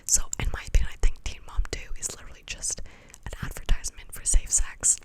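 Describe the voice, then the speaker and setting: A woman doing a fast whispered ASMR ramble in a breathy, clicky whisper, casual and slangy, wandering from thought to thought. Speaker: ASMR video creator.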